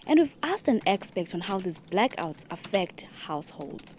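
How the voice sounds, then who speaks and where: A woman's voice: medium pitch, sing-song, normal speed, darkish tone, slight background noise. A woman news presenter reading a satirical report in a straight-faced, dry delivery. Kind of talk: mock-serious news narration.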